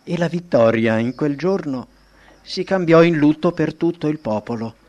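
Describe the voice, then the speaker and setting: A man narrating a religious history audiobook in an even, measured reading. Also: on the high side. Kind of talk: scripted narration.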